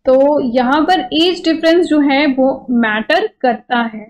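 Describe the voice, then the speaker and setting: High-voiced woman teaching, conversational. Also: expressive, takes it slowly. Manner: conversational, checks in with "ठीक है" often. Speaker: exam-prep teacher. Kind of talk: explanatory online lecture.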